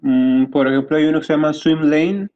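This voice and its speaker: A man's voice: fairly high pitch, steady tone, brisk, highs cut off. A man, a graduate student answering in an online class, hesitant and searching for words over a video call.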